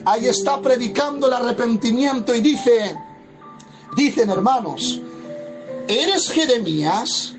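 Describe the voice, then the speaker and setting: A pastor's high, bright voice carries a fervent sermon at a slightly slow pace. He repeats key phrases for emphasis while soft guitar plucking sounds clearly in the background.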